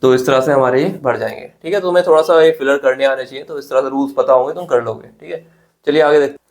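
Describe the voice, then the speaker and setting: A man's voice: medium pitch, fast talker, a little mellow. An Indian man teaching an exam-prep English grammar lesson, explaining step by step and often checking in with his students. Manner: explains step by step, often asks "theek hai?".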